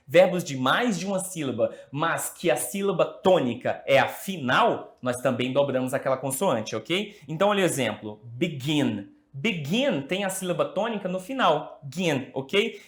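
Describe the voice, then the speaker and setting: Brazilian male teacher, lively pitch, patient step-by-step explainer, roomy echo. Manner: explains step by step, keeps checking with "ok?". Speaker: English teacher. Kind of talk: classroom lesson. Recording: echoey room.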